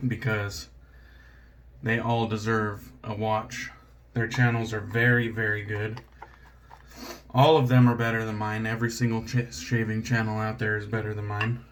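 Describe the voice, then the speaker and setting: A man's voice: on the low side, a little hiss or hum. A man hosting a shaving channel, chatting casually and rambling while he shaves at home, joking about himself and swearing now and then. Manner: laid-back, rambling, self-deprecating, swears casually.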